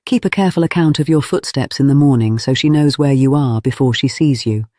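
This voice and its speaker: Earnest, mellow Regency gentleman, read by a narrator. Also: medium pitch, a little fast, no echo, clean studio sound, natural voice. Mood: earnest, restrained. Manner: careful, formal, restrained. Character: earnest, honest Regency gentleman confessing his feelings.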